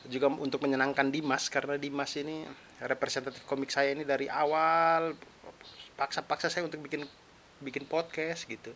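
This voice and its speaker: A young man from East Nusa Tenggara in eastern Indonesia hosts his own podcast, talking solo in a chatty, self-deprecating way with a mixed eastern Indonesian accent. He's a stand-up comedian, and his voice sits on the high side, slightly bright, brisk, and flat in delivery. There's a faint hiss on the recording.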